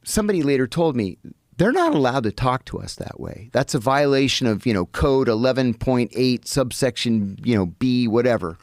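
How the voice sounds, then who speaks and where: A middle-aged man telling stories as a podcast guest, animated and vivid, often restarting his sentences. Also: mid-range voice, normal speed, no echo, clean studio sound. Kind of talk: anecdotal storytelling in conversation. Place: podcast studio.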